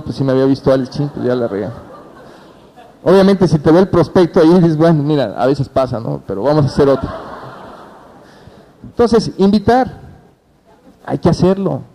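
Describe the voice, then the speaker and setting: A man's voice: a little high, rough recording. A man with a Mexican accent giving a motivational business training, telling stories and talking straight to his audience. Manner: animated storytelling, addresses the audience directly and acts out phone calls.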